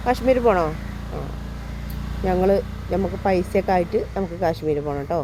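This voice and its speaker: A woman with a Malayali accent, chatting casually in a family vlog and teasing her child, her voice rough from a lasting cold. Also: fairly low pitch, lively intonation, brisk, noisy background. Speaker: vlogger, mother. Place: outdoors.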